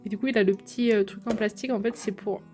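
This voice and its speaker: A woman's voice: mid-range voice, steady tone, fast, mellow, soft background music. A young woman, chatting to viewers as she unboxes figures, gushing over how cute they are. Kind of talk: casual unboxing vlog.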